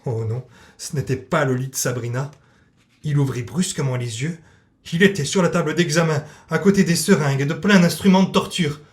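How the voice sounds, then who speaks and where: A man narrating a children's audiobook in a lively, expressive way. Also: a little high, a little fast.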